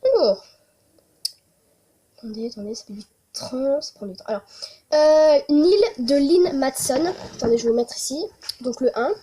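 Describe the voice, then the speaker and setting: A woman's voice: sits high, normal speed, pauses often, warm tone, slightly rough. A young woman, chatting casually through a holiday wishlist vlog, with many hesitations. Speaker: vlogger.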